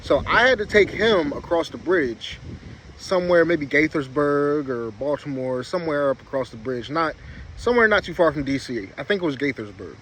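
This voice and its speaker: A man's voice: fairly high pitch, animated, moderate pace, fairly bright tone. Man rambling casually, lip full of dip. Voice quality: slightly muffled articulation from a lip packed with chewing tobacco. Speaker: vlogger. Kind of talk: casual storytelling chat to camera. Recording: clear background noise, vehicle ambience.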